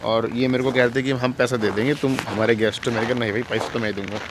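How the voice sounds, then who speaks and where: A man's voice: mid-range voice, steady tone, fast talker. A young man from India talking casually to the camera as a travel vlogger, chatty and calling his viewers "brother". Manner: chatty, addresses viewers as "bhai". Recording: noisy handheld outdoor recording.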